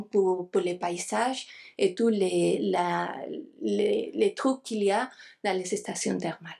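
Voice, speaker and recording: Gravelly woman with a foreign accent in French. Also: mid-range voice, darkish tone. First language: not French. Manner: hesitant, searching for words in a second language. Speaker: guest academic lecturer. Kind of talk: academic lecture.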